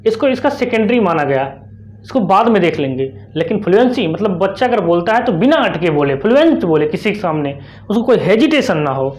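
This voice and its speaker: A young woman with an Indian accent leads an online exam-prep lesson in a mid-range voice. She keeps asking the class short questions and answers them herself. The key terms come back again and again with steady stress. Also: medium pitch, a little fast. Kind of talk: explanatory online lecture.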